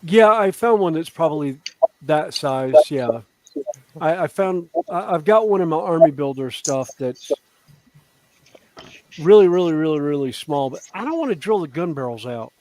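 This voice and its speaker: A man's voice: fairly high pitch, animated, normal speed, darkish tone, no echo. A man who builds plastic miniatures, chatting casually in a rambling, self-deprecating way. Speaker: miniature modeler. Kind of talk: casual chat.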